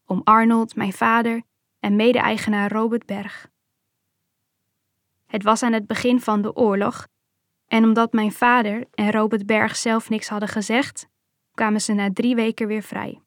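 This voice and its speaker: A woman reading a first-person memoir aloud in a calm, measured way. Her voice sits a little high, and the recording is dry and close, with no room sound. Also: no echo.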